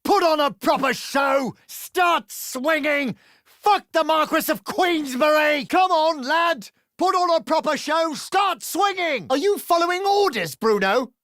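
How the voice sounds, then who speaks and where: A man with a British accent voicing a crude, sardonic male adventurer who trades cheeky, quick-witted quips in a video game. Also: very high voice, lively intonation, fairly bright tone, no echo, studio quality, exaggerated voice. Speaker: playable game character.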